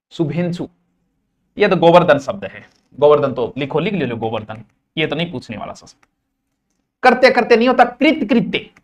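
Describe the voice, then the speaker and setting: A man whose voice sits high and a bit bright gives a classroom lecture on Hindi grammar. He drills words by repeating them over and over and slips in playful, folksy asides.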